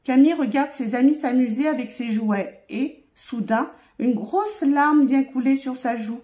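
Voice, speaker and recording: Female storybook reader, high pitch, warm tone, expressive. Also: unhurried. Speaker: children's book reader. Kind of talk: reading a children's story aloud.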